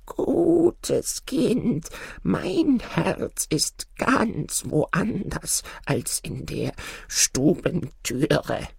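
A man voicing a heartless ancient sorcerer in a high, slow, strained falsetto for a storybook reading. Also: huge pitch swings, creaky, slightly rough, dry recording, clean studio sound, heavily acted. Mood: ominous.

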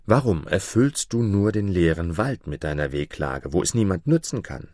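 A mountain spirit in the guise of a kindly townsman, as a man reads him, soft-spoken and comforting in a low register. His lines come from a storybook reading in a dry, close recording. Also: lively intonation, moderate pace, no echo. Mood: gentle. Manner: gentle, consoling.

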